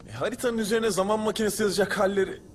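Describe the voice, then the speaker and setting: A man's voice: high-pitched, racing, a little hiss or hum, close to an everyday voice. A man playing a skinny, exasperated turkey sidekick in a cartoon dub, complaining with whiny sarcasm. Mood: annoyed. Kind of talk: Turkish cartoon dub acting. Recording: film soundtrack with music underneath.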